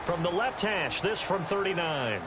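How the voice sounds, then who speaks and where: A man voicing a football play-by-play announcer in a video game, calling plays briskly and rising on big moments. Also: high voice, lively intonation. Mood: steady. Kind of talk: scripted sports commentary. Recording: game audio under loud noise.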